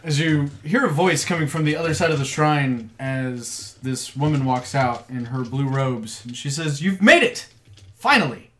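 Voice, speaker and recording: A man's voice: medium pitch, steady tone, moderate pace, hardly any pauses. A man narrating a tabletop game as game master, with casual, dry understatement.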